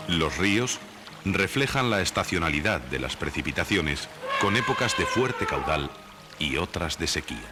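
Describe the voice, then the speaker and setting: A man reading scripted nature documentary narration in a measured, didactic way. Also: sits low, sing-song. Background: background music.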